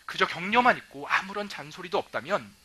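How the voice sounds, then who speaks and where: A male pastor preaching a sermon, telling stories lively and acting out what people say. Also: sits high, fairly quick. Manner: lively storytelling, acting out quoted remarks.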